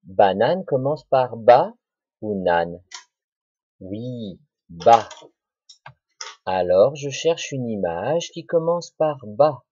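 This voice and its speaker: A man teaching young children a lesson, talking slowly and deliberately and repeating words and syllables. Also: medium pitch, animated, a little mellow, breathy edge, no echo. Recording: dull lo-fi recording.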